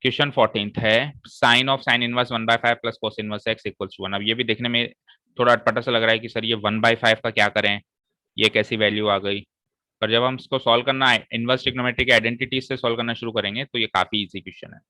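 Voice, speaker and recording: Male maths teacher, bright forceful voice, walks students through each step, dry close recording. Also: medium pitch, steady tone, fairly quick, no echo, poor audio. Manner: explains step by step and checks with students. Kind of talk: classroom maths lesson.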